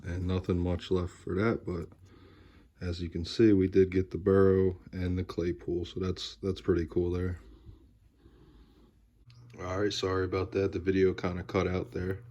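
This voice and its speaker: A man giving casual, laid-back commentary as he opens card packs, halting and trailing off, with audible heavy breathing. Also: low-pitched, flat delivery, dark tone, muffled recording. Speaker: host of a sports card pack-opening video.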